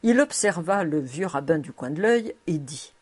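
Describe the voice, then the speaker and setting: A woman narrating a novel aloud with steady, measured storytelling. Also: sits low, breathy edge. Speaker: audiobook narrator.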